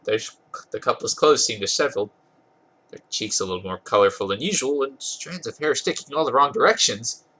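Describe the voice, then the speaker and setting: A podcast host with a husky, congested, mid-range voice reads fan fiction aloud fairly quickly, his tone sharp. He performs the comic story dramatically and with amusement, stumbling over some words and setting them right.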